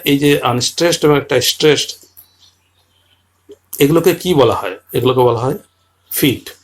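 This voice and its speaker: A man teaching a poem in detail, patiently explaining its structure and slowly reading quoted lines aloud. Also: mid-range voice. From Bengal region.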